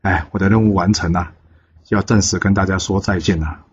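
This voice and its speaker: A man's voice: low voice, a little fast, slight background noise, natural voice. Brief: unruffled Taoist immortal, voiced by a male narrator, dull lo-fi sound. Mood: calm. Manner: calm, reasoning.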